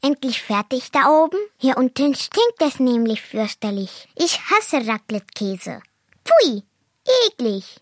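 A woman's voice: high-pitched, sing-song, unhurried, no room sound, studio quality, full character voice. A woman voicing a timid turtle with a turbo shell in a children's audio story, who stammers when frightened and wrinkles at bad smells. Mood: disgusted.

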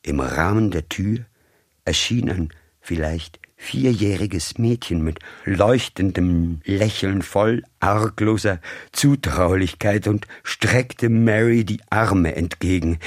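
A man narrates a story in an extremely deep, husky voice. He reads slowly and deliberately, and the recording is close and completely dry. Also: no room sound. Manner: slow, measured storytelling. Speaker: audiobook narrator. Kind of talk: scripted narration.

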